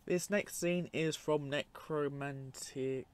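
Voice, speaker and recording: A man's voice: a little high, steady tone, slow pace, slight background noise. A man giving casual, unscripted commentary over clips, rambling and matter-of-fact with dry asides. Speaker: narrator of a film clip compilation.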